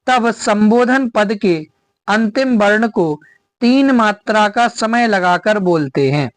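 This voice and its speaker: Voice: medium pitch, no room sound. A teacher giving a grammar lesson, repeating each definition and checking in with rhetorical questions.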